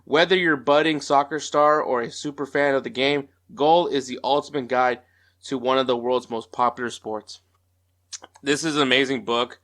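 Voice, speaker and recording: Man, podcast host, casual chat, upbeat, chatty, mid-pitched voice. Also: steady tone, moderate pace, a bit bright. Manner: upbeat and chatty, with frequent fillers and restarts. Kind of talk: casual podcast intro and interview.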